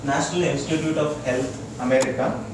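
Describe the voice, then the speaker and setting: Halting and explanatory, an Indian-accented man plays a doctor giving a casual wellness lecture and keeps checking that his small group understands. His voice is mid-range and steady. A faraway microphone records him in a very echoey room with loud noise.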